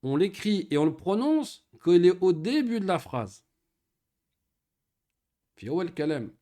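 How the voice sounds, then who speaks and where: A man with a somewhat high voice teaches Arabic grammar to a single student. He explains patiently step by step, pronounces the Arabic words and phrases slowly, and keeps checking that his student has understood. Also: big pitch swings, mellow. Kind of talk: one-on-one Arabic grammar lesson.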